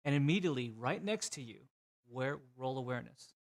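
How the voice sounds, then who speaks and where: A man narrating a tabletop game as game master, in a relaxed, descriptive way. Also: mid-range voice, a little fast.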